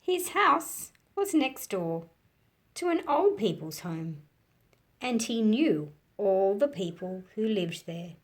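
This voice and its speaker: With a sing-song, mid-range voice, an Australian woman tells stories to children. She explains them in simple, measured phrases and asks her listeners questions as the host of the read-aloud.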